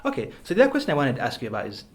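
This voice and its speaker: A man's voice: mid-range voice, wildly swooping pitch, very fast. A man hosting an interview podcast, effusive and enthusiastic, often affirming what his guest says. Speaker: podcast host. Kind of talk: interview conversation.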